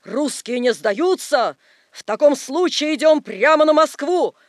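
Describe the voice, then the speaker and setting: A man voicing a boastful fairground actor playing an emperor, declaiming loudly in a high, carrying voice. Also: a little slow, no echo, studio quality. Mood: grandiose. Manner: loud, declamatory, boastful stage shouting.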